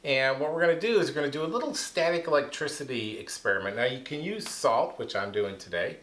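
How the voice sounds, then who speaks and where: A man teaching a kids' science lesson in a casual, lively way, speaking to children. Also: medium pitch, fast talker, a little hiss or hum. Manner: casual, lively, talks to kids. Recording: echoey room.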